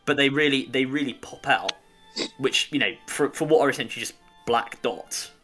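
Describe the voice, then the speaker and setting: A man's voice: medium pitch, normal speed, a bit bright, soft background music. A man co-hosting a casual hobby chat, enthusiastic and full of compliments, with a rambling way of talking. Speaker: co-host.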